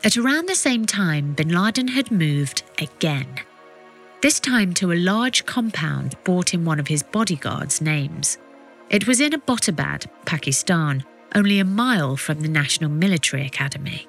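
Over quiet background music, a woman with a fairly low voice and lively intonation reads scripted documentary narration for a podcast, keeping her storytelling measured and suspenseful.

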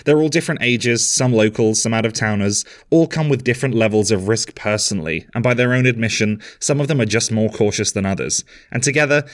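A man hosting a podcast, reading scripted narration in a measured, explanatory way. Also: on the low side. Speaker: podcast host.

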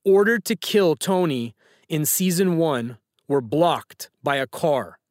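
A man's voice: on the high side, animated, slow, no echo, clean studio sound. A man hosting a casual trivia quiz, upbeat and teasing as he quizzes a caller. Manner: upbeat, playful, teasing quizmaster. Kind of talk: casual podcast quiz banter.

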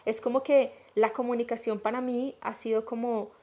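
A woman, a podcast guest who explains her views in a measured, reflective way in casual chat. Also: a little high, steady tone, warm tone.

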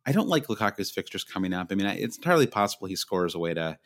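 A man with a fairly low voice talks fantasy football in a relaxed, casual way. His speech is quick and halting, and he often restarts his sentences. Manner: quick, hesitant, lots of restarts when excited. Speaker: podcast co-host.

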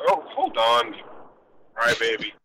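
A man's voice: mid-range voice, very animated, takes it slowly, sharp tone. A man calls in from his car, his voice bubbling and gurgling as if underwater through a garbled phone connection. He talks in easy, joking banter. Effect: garbled, gurgling phone line that sounds underwater. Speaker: podcast regular calling in by phone. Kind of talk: casual chat.

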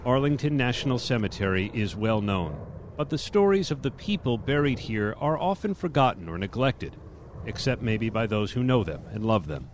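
A male news correspondent narrating a radio report in a measured, deliberate way. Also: mid-range voice, animated. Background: outdoor traffic and planes.

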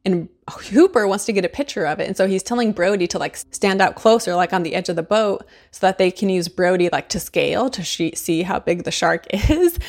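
A woman's voice: on the low side, a little fast, a little mellow. A woman giving a casual, chatty book and movie review to camera, laughing often and using a lot of fillers.

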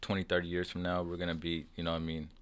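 A young man with a very low voice chats as a podcast guest. He rambles and restarts his sentences, tagging them with "you know what I mean". His talk stays loose and unscripted. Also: monotone, rapid-fire. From Sudan, raised in Seattle. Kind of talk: casual chat.

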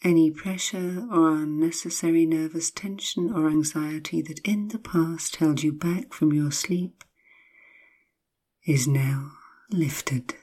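Very slow, husky woman narrating sleep hypnosis. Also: sits low. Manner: hushed, soothing, often slipping into whispers; drawn-out, repetitive phrasing with long pauses.

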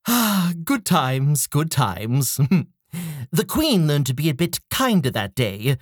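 A man hosting a children's story podcast, telling the tale in an animated, scripted way. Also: fairly high pitch, slow, no echo, studio quality.

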